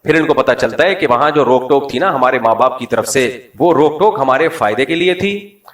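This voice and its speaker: A man's voice: medium pitch, lively intonation, distant mic. Male preacher in an echoey hall. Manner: conversational, full of rhetorical questions; light, joking tone. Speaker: Islamic preacher. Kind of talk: lecture to a live audience. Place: lecture hall with an audience.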